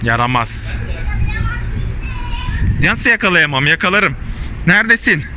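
A man's voice: high-pitched, brisk. A man filming his daughter at a playground, cheering and coaxing her in casual vlog talk to viewers. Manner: excited, exclaiming, coaxing. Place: outdoor playground. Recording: noisy outdoor handheld recording. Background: city street noise and traffic.

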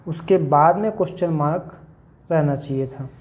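Mellow-voiced Indian male teacher. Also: a little high, normal speed. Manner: explains patiently with many examples and fillers. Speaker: English teacher. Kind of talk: classroom-style video lesson.

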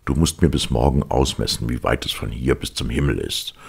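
A man voicing a stern, commanding king in a storybook reading, speaking lower and slower than his narration. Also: vocal fry, husky, heavily acted.

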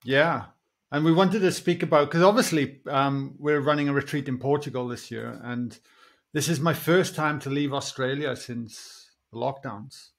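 A Welsh man in his forties hosts a podcast over a video call from a small room, talking through an earphone headset. Friendly and rambling, he says "mate" a lot, his medium-pitched voice creaky at a normal speed.

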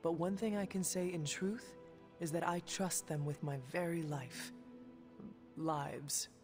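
A woman voicing a calm, formal young demon hunter in a video game, composed and stoic. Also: fairly low pitch, unhurried, music in the background, lightly acted. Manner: formal, composed, few contractions.

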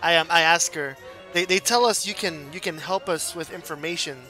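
A man's voice: a little high, normal speed, music in the background. A man playing a tabletop game, chatting casually and in character, often stumbling and repeating words. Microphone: online group video call.

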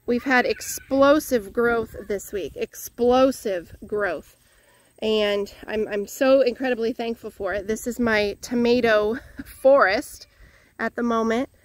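High-voiced cheerful woman touring her garden. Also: slow, no room sound. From Northwest Illinois. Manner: cheerful, thankful, chatty with many restarts. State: a little out of breath. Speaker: home gardener vlogger. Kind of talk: casual garden tour. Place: outdoors in a home vegetable garden.

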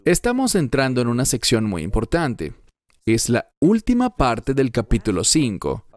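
Dubbing an earnest Bible teacher in his fifties, a man works through a sermon verse by verse with emphatic, deliberate phrasing. His mid-range, darkish voice swoops wildly in pitch, and there's no echo.

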